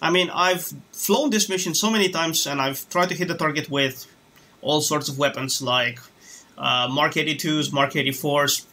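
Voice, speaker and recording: On a live flight sim stream, a man from Romania talks in a rambling, hesitant way, often starting sentences over. He speaks at a normal speed, his voice on the high side and pushed, bright.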